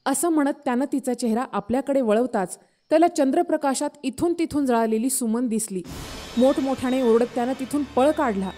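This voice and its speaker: Brief: female horror storyteller, high mellow voice, faint music underneath. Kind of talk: dramatic horror story narration. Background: faint background music.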